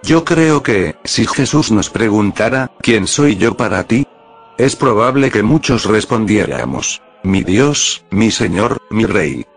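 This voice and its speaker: A low-pitched man preaches an earnest, emphatic reflection. A faint bed of music plays under his voice. He sometimes acts out the lines he quotes. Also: sing-song, takes it slowly, vocal fry. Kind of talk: sermon reflection.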